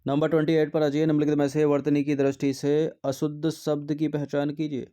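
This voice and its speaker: A man with a warm, mellow voice works through grammar exam questions one at a time. He reads each option aloud, then checks them methodically and corrects the wrong ones in a steady teaching tone. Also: on the high side, brisk.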